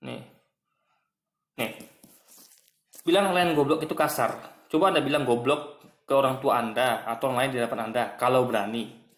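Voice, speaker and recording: An online commentator with a medium-pitched, fairly bright voice delivers a casual monologue at normal speed, pausing often, in a reverberant space. He argues and mocks while addressing his viewers, repeating "guys" and "gitu kan".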